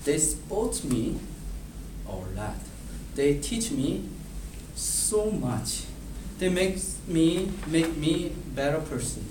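In a classroom before a whiteboard, a Korean man in his thirties reads his prepared speech haltingly and slowly, restarting and repeating words and gesturing as he goes. His pitch is on the high side and he's very animated. A distant camera picks up roomy, noisy audio.

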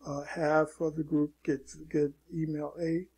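Gravelly, husky man teaching casually. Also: a little high, flat delivery, a little slow, a little mellow. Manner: repeats "okay" and restarts often, emphatic warnings. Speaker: online marketing instructor. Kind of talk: casual screen-share tutorial.

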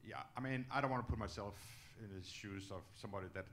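Speaking at a quick pace, with a low-leaning, fairly bright voice, this native Danish speaker from Denmark is a middle-aged executive interviewed on stage as a guest. His answers are earnest and emphatic, regularly ending on "okay?". The recording, made with a handheld mic in an indoor auditorium, has slight background noise.

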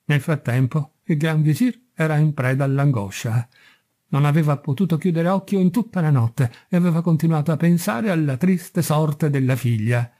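A man narrating a storybook audiobook in a steady, measured reading. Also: on the high side. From Italy. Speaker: audiobook reader.

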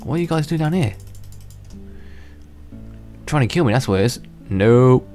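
With an animated delivery at a moderate pace, a young gaming channel host talks in a mid-range, darkish voice that's slightly worn from being sick. He rambles casually during play, chuckling and restarting sentences, over faint music.

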